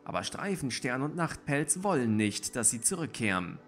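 A man voicing a serious, commanding she-cat clan leader who speaks gravely in a storybook reading. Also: mid-range voice, big pitch swings, fairly bright tone, faint music behind. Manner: grave, measured.

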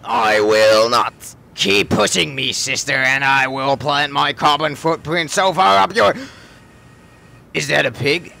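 Gravelly, blustering Soldier. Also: male voice, a little high, unhurried, sharp tone, exaggerated voice. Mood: outraged. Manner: barking drill-sergeant bluster. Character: loud, gruff, blustering male American soldier. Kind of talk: comic dub dramatic reading.

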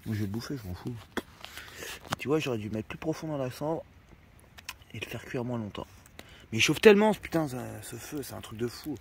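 A man's voice: mid-range voice, a little fast, pauses often, darkish tone, breathy edge. A man vlogging casually outdoors by a campfire, talking in slang and swearing freely as he rambles. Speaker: van-life vlogger. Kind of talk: casual vlog chat.

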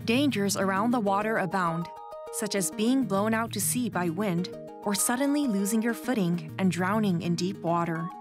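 A woman giving calm, measured scripted narration for a documentary, with music underneath. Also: mid-range voice. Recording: voice-over with music bed.

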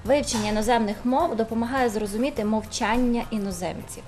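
Quick, formal woman lecturer. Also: fairly high pitch, a little mellow, soft background music. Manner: measured, formal, with hesitations. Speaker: language lecturer. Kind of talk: studio interview.

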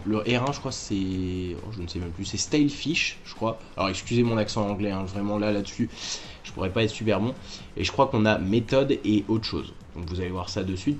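A man's voice: lowish voice, a little mellow, a little hiss or hum. A man hosting a game walkthrough, talking casually and correcting himself as he explains moves to viewers. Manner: chatty, self-correcting, addresses viewers directly. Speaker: gaming walkthrough host.

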